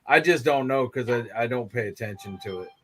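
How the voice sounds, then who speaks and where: A man's voice: medium pitch, brisk, crowd noise. A man joking bluntly on a casual live-stream panel and laughing easily.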